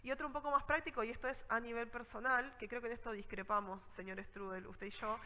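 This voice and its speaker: Una mujer con acento rioplatense que da una charla de viajes y cuenta anécdotas con viveza, imitando a la gente de sus historias. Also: female voice, a little high, fast, big-room sound, low-quality recording. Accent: Rioplatense Spanish. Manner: lively storytelling, acts out scenes. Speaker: travel speaker. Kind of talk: conference talk with anecdotes.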